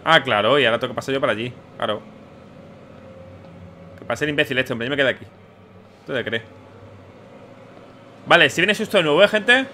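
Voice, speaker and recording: A man's voice: mid-range voice, lively intonation, a little fast, long pauses, pushed and bright, a little hiss or hum. A man in his thirties giving chatty, wry casual gameplay commentary to viewers as a streamer. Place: small gaming room at home. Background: faint horror game sound.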